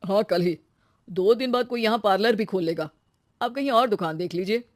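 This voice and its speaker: A woman performs the part of a blunt male shop owner. Her mid-range, darkish voice runs a little fast and stays close to how she normally sounds, captured as clean studio audio with no room sound.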